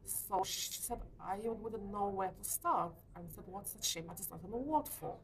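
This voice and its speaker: A Lithuanian woman in her forties who owns a letting agency answers business interview questions in English with a Lithuanian accent, in a hotel meeting room. Her medium-pitched speech is hesitant, full of pauses and "uh"s, with light laughs mixed in.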